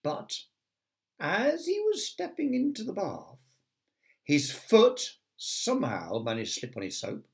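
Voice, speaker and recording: A man's voice: high voice, huge pitch swings, takes it slowly, creaky. A man who teaches primary school, reading a children's story aloud with chatty asides to the young listeners.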